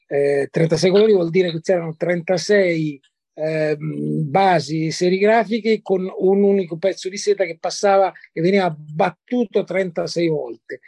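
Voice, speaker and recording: Gravelly, hesitant older Italian man. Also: high-pitched, dark tone, no echo. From Italy. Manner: hesitant, many fillers and repeated words. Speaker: guest. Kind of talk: conversational recollection.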